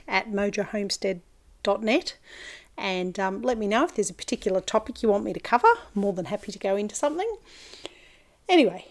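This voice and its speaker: An Australian woman who farms and hosts a podcast chats casually on her own in a mid-range voice made hoarse and gravelly by a chest infection. She rambles, using lots of fillers and correcting herself often.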